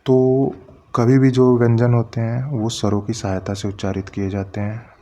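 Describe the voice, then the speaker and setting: A man teaching a grammar lesson, patiently explaining step by step and sounding out letters slowly. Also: medium pitch, flat delivery, warm tone.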